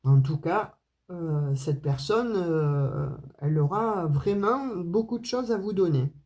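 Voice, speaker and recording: Southern french woman doing a tarot reading to camera, warm mellow voice, chatty, lots of ums. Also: lowish voice, lively intonation, takes it slowly. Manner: chatty, many hesitations and asides to viewers. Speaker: astrology and tarot reader. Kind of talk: casual spoken card reading to camera.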